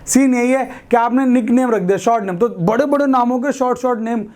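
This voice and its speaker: A man's voice: very high voice, brisk, a little mellow. A man with an Indian accent teaching a chemistry lesson, chatty and often checking that the students follow. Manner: chatty, asks rhetorical questions, mixes English into Hindi. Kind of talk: classroom lecture.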